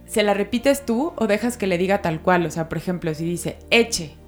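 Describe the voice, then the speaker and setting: A woman's voice: medium pitch, lively intonation, fairly quick, darkish tone, soft background music. A woman interviewer who asks questions and answers often with "ok". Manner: frequent "ok" acknowledgments, asks parent-focused questions. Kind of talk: conversational interview.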